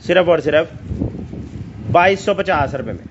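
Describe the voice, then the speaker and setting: A man's voice: a little high, lively intonation, normal speed. Pakistani Punjabi man hawking goods, noisy lo-fi recording. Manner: enthusiastic, repetitive teleshopping-style hawking with catchphrases. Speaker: live online seller of assorted stock. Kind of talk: informal live sales pitch. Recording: dull lo-fi audio with clear background noise.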